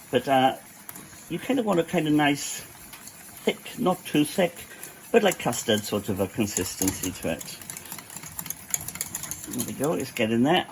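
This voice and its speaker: A Welsh-accented man who runs a cafe chats viewers through a cooking tutorial in his home kitchen, tossing in joking asides. His voice is medium-pitched, and the rough recording carries slight background noise.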